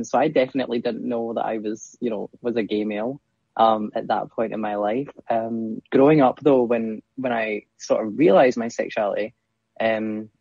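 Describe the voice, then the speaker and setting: A man's voice: medium pitch, gravelly, a little mellow, husky, no echo, lo-fi sound. A man in his twenties from Scotland, calling in to a podcast and speaking hesitantly with many fillers. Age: 20s. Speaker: caller. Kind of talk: phone-in conversation.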